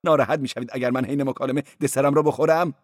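A man's voice: medium pitch, fairly even intonation, no room sound, studio quality, pitched above the performer's own voice, lightly acted. Man doing a giggly, preachy church porter. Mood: sly, gleeful. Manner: giggling, effusive and sly, lecturing.

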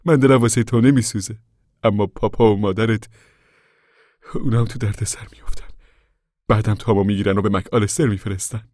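A man voicing a stubborn male preacher who gives urgent commands in a husky voice. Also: lowish voice, fairly even intonation, pauses often, darkish tone, no echo, clean studio sound, pitched above the performer's own voice, natural voice.

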